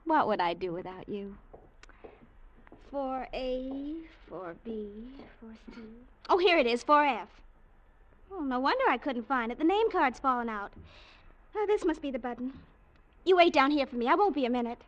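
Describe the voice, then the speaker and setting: An actress playing a cheerful young bride-to-be in a 1940s-style radio drama, bubbly and teasing. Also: female voice, sits high, lively intonation, moderate pace. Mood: affectionate. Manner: bubbly, teasing, laughs often. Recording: dull lo-fi old radio recording.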